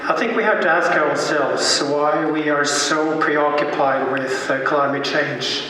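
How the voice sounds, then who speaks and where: Male conference speaker, slow deliberate delivery, distant mic, long hall echo. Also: fairly high pitch, fairly even intonation, noisy background. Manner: slow and measured, deliberate phrasing. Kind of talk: conference speech. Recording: echoey hall, from far off.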